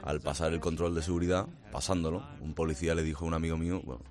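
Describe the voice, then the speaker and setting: A man from hosting a morning radio show with a lively, emphatic delivery and playful drawn-out phrases. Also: very deep voice, soft background music. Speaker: radio host. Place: radio studio. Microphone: studio microphone.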